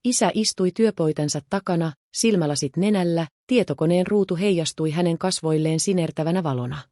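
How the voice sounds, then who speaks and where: A woman reads a first-person story as a narrator, calm and measured. Her voice sits low and mellow. The recording is close and dry, with no room sound. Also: dry recording.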